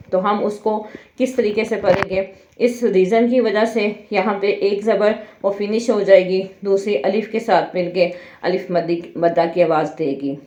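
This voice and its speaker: A woman teaching Quran reading. She spells out each letter and vowel mark slowly, then blends them into the whole word. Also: medium pitch, dark tone. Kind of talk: slow syllable-by-syllable drill with spoken explanations. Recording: muffled, echoey room.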